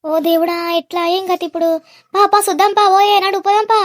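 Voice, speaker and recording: A woman's voice: very high-pitched, fairly even intonation, quick pace. A woman with a Telangana accent playing a grieving village farm mother, lamenting her lost crop in a village comedy-drama. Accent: Telangana Telugu. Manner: wailing, lamenting. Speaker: farmer's wife.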